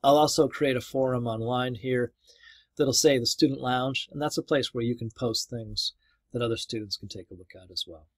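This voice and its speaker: A man's voice: mid-range voice, normal speed, no room sound. Friendly instructor, slightly losing his voice. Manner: relaxed, friendly, many ums and restarts. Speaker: course instructor. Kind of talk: casual recorded course walkthrough.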